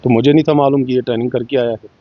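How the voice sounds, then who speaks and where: A middle-aged man from Jammu and Kashmir tells his own story earnestly in an interview, voicing the dialogue with subtle changes in his delivery. His voice is mid-range and steady, his speech rapid-fire, and the recording sounds muffled, dull, and dry.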